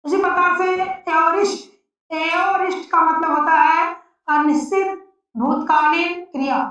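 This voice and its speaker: Slow, high-voiced woman teaching pronunciation. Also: bright, forceful tone. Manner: spells out letters slowly and repeats words. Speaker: English teacher. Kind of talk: slow spoken-English pronunciation lesson. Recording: echoey, distant, dull lo-fi sound.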